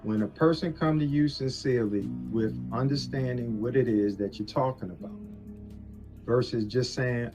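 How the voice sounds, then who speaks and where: On a phone call, a man argues insistently, lecturing as he lays out his point. His voice is medium-pitched and a little mellow. The call sounds leaked, with music underneath.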